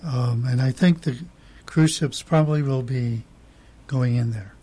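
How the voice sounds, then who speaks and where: Male guest, mid-pitched voice, matter-of-fact, dry wit. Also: a little slow, dark tone, slightly rough. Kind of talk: casual chat.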